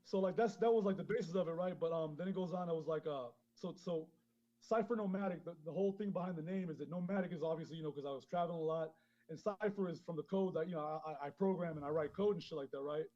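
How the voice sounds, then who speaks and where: A man who grew up in Queens, high and chatting casually as a podcast guest, rambling, swearing a lot and laughing often. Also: fast, dark tone. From born in Honduras, grew up in Queens, New York. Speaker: guest caller, clothing brand founder. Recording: dull lo-fi phone call.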